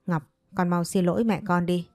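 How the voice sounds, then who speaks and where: A middle-aged stepfather in a story speaks in a soothing, placating way, voiced by a woman narrator. The tone is low and warm. The recording is dry, with faint music beneath. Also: fairly even intonation, moderate pace, dry recording, lightly acted. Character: smooth-talking stepfather, man, middle-aged.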